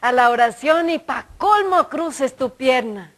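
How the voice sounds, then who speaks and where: A woman voicing a stern, indignant older female church usher who scolds in a shrill, raised voice. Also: lively intonation, measured pace. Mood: indignant scolding.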